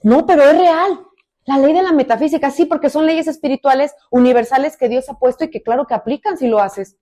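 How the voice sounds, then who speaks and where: A Mexican woman minister preaches a sermon in a high voice at a slightly fast pace. She's expressive, swinging between loud emphasis and soft asides.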